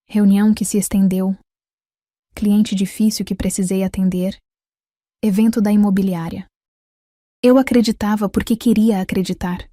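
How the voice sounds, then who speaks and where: A woman telling a sad first-person life story in a somber, measured scripted narration. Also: medium pitch, mellow, dry recording, studio quality.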